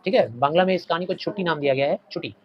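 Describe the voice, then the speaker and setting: A man's voice: a little high, animated, slightly rough, highs cut off. A middle-aged male teacher retelling a story for a class, stopping to explain word meanings in plain, patient terms. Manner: explains slowly, glossing words and mixing languages.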